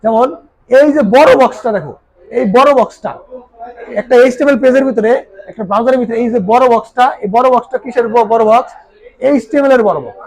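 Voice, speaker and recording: A man's voice: very high voice, quick pace. A male teacher, giving a recorded class lecture and answering his own questions. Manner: quizzing questions he answers himself.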